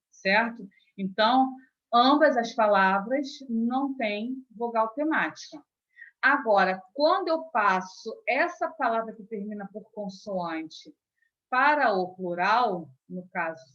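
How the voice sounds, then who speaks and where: A woman's voice: medium pitch, a bit bright. A woman with a Brazilian Portuguese accent, a teacher explaining grammar step by step and checking in often with her students. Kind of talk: grammar lesson. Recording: dull lo-fi recording.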